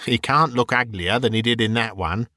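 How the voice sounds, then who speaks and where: A man voicing a coarse, greedy old charwoman who mocks the dead in brash, quick bursts. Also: medium pitch, bright, forceful tone, no room sound, clean studio sound, natural voice. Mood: scornful.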